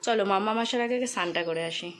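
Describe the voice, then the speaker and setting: A young woman chats straight to her viewers while she cooks and cleans, moving quickly from one aside to the next. Her voice sits at an average pitch. It is caught on a phone in a home kitchen, with steady household noise behind her. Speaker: homemaker vlogger. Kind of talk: casual cooking and chores vlog. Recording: noisy home recording.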